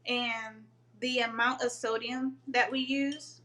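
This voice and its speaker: Bubbly high-voiced woman, bright and lively. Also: slow. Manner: excited, laughs a lot. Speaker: guest cook. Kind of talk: casual live cooking chat.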